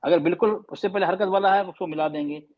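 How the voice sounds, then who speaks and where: A man with a high voice teaches a class. He is patient, asks questions and goes over each point again, with English terms mixed in. The recording sounds a little dull. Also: quick pace. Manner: mixes Hindi with English terms. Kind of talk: classroom lesson.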